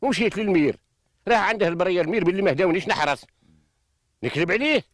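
An older farmer with a western Algerian accent speaks quickly in a raised-pitch voice. He is aggrieved and insistent, repeating his points as he gives testimony on location. The sound is dry and open, spoken into a handheld mic outdoors. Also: expressive, no room sound. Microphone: handheld reporter microphone.

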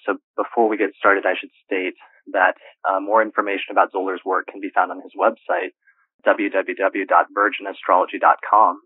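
A man hosting a radio interview, introducing his guest in a measured, formal way, heard on an old archived recording. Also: sits low, flat delivery, husky, no room sound. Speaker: radio show host. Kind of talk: scripted show introduction and interview questions. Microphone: played back from archive audio. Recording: tinny phone-like old recording.

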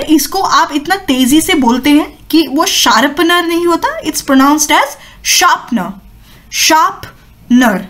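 A woman with an Indian English accent teaching children vocabulary, patiently repeating each word slowly for them to copy. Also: high-pitched, a bit bright.

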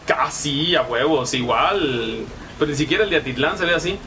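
A man's voice: a little high, expressive, moderate pace, bright, forceful tone, slight background noise, poor audio. A young man with a Guatemalan Spanish accent giving profane, chatty live gameplay commentary and reading chat messages aloud. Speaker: gaming streamer.

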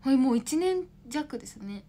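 A woman's voice: high voice, lively intonation, moderate pace, dark tone. A young woman in her twenties, an idol chatting casually on a livestream, rambling, laughing often and answering viewer comments.

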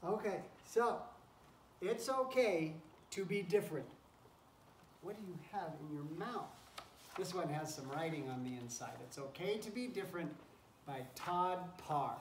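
A man with a high-pitched, expressive voice reads a picture book aloud to children a little slowly, teacher-fashion, mixing encouraging chatter with asides to the animals around him. Goats and chickens share his straw-lined wooden barn pen. A camera a few feet away captures the roomy, noisy barn.

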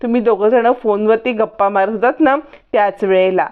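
A woman voicing a fond middle-aged mother-in-law with a gently teasing manner. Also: medium pitch, brisk, clear, resonant tone, close to an everyday voice. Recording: dull lo-fi recording.

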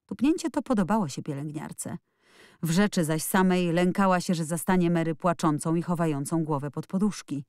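Low-voiced woman narrating a storybook. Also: a little fast, no echo, clean studio sound. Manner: expressive storytelling. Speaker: audiobook narrator. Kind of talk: scripted narration.

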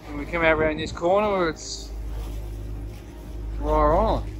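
An Australian man giving a relaxed, chatty running commentary from a catamaran, filmed on a phone. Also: on the high side, moderate pace, soft background music. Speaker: sailing vlogger. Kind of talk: casual narration on a boat. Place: on a catamaran outdoors.

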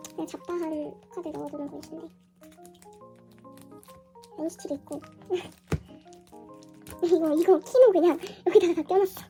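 A woman unboxing an album in a casual vlog, her hoarse voice run through a pitch-raising voice changer, gushing and squealing often. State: hoarse from illness. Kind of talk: casual excited unboxing chat.

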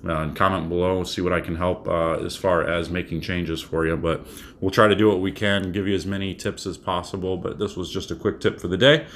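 A man in his thirties, a bowling coach, giving a casual tip to camera from a small room at home, talking in a relaxed, rambling way with fillers and restarts. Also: low-pitched, fairly quick, a little hiss or hum.

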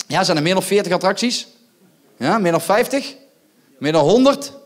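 Male stand-up comic, high-pitched voice, loud and mocking, teasing the crowd from a theatre stage. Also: lively intonation, unhurried. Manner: loud, mocking, goading the audience with rhetorical asides. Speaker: stand-up comedian. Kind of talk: live stand-up performance.

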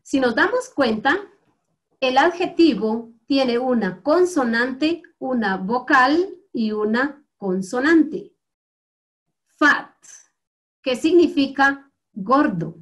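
A woman with a Guatemalan Spanish accent teaches an English lesson to young students. Her voice sits high, and she speaks slowly and patiently, repeating each word so the class can follow. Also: expressive. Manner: slow, patient, repeats words for students to copy.

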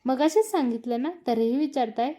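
A woman reads a gentle young man from a spoken romance story, caring and softly teasing. The delivery stays calm and unhurried. The tone is warm and mellow and sits fairly high. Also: lightly acted.

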